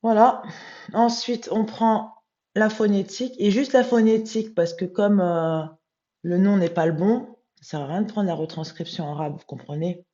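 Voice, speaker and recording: A tired woman, a medium thinking aloud as she transcribes a text live, muttering to herself and reading passages slowly. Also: medium pitch, warm tone, highs cut off.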